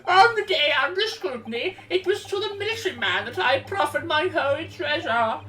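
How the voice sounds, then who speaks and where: A woman voicing an eccentric, fretful old man in a video game, with drawn-out, archaic, theatrical delivery. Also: high voice, expressive, sharp tone, distant mic. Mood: mournful, indignant. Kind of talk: video game character dub.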